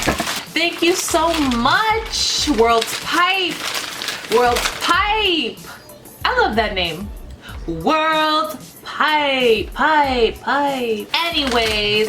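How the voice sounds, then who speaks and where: Excitable woman vlogger, gushing unboxing delivery, slow unhurried talk, faint music underneath. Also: fairly high pitch. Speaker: vlogger reviewing products. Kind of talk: casual unboxing vlog.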